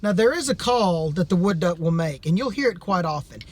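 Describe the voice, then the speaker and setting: A man's voice: sits high, lively intonation, fairly quick, heavy background noise. A man speaking in a plain, folksy way as he gives a casual, slightly hesitant product demonstration. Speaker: amateur duck hunter reviewing calls.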